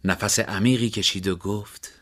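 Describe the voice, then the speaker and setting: A man narrating a story in a steady, measured way. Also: on the low side.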